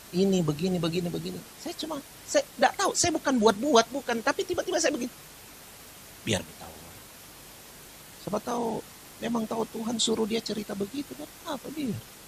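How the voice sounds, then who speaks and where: A man preaching a sermon, telling stories with lively shifts. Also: sits high, gravelly, background noise. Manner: lively storytelling, sings worship lines slowly. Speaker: pastor.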